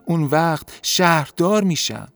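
A man voicing an eager, impatient young snail who gets excited and quickly frustrated. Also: mid-range voice, no room sound, faint music behind, pitched above the performer's own voice, lightly acted. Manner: excitable, quick to get cross.

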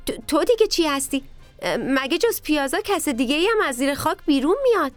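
Woman voicing a timid teary onion, stammery and eager, high lively voice. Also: dry recording, soft background music. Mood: startled. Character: shy, weepy, kind-hearted little onion. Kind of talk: children's storybook reading.

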